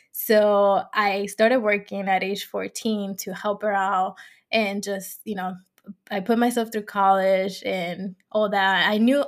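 Chatty woman from the Dominican Republic. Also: mid-range voice. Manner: chatty, frequent fillers, laughs often. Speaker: guest, company co-founder. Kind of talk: casual interview chat.

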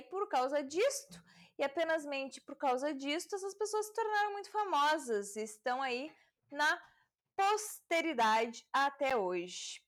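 Her voice sits high as she hosts a late-night homemade podcast from home on a home mic. She reads fairy tales and comments on them in a loose, irreverent style, full of swearing and self-directed laughter.

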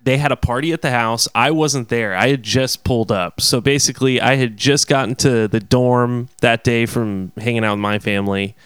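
Smooth-voiced young man telling a story. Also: medium pitch, normal speed, hardly any pauses, dry recording. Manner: animated, profane, laughing between phrases. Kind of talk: casual storytelling.

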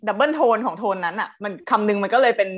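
A woman's voice: medium pitch, racing. A woman co-hosting a casual chat, explaining things in a thoughtful, easy way. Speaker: co-host.

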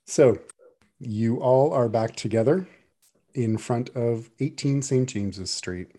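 A man's voice: medium pitch, takes it slowly, mellow. A man narrating as game master, describing scenes and acting out characters in a casual, easygoing way. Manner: casual, with restarts and fillers.

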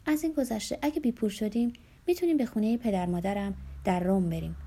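Woman playing a gentle reassuring young wife. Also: mid-range voice, husky.

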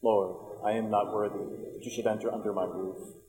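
Low mellow-voiced priest at prayer. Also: male voice, level tone. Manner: measured, reverent, formal delivery. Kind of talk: liturgical prayer, recited solemnly. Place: inside a church.

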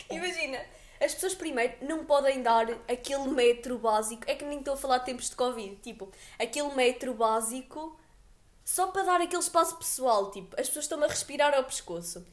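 A young woman with a European Portuguese accent, co-hosting a podcast in casual chat, animated and quick to laugh. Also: high voice. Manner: chatty, laughs often, animated storytelling. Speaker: podcast co-host.

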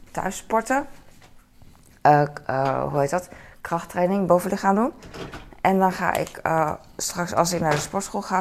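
A woman with a low, gravelly voice chats casually while doing chores in her kitchen. She rambles with many fillers and talks half to herself. Dishes and cutlery clatter clearly behind her. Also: background noise. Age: adult with a son. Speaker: vlogger. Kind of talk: casual chat to camera. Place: home kitchen.

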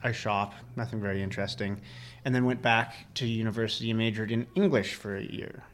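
A man's voice: lowish voice, fairly even intonation, a little fast. A man in his early thirties, an interview guest, casually recalling his past in a garage. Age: early 30s. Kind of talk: casual personal recollection. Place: recorded in a friend's garage during a barbecue.

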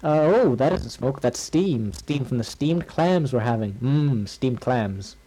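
A man voicing a nervous, fussy middle-aged male cartoon school principal, rising high and strained when caught out. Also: expressive, measured pace, warm tone, breathy edge, rough recording. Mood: flustered. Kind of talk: recited cartoon impression.

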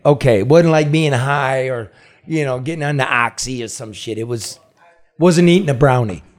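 A man hosting a radio show, loudly teasing his co-hosts, swearing and reading ads live. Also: medium pitch, normal speed. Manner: loud, brash, swearing, teasing. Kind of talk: loose profane studio banter and live ad reads.

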